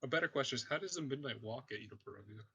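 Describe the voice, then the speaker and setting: Fast, husky, bright man player. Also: medium pitch, lively intonation. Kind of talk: casual tabletop play.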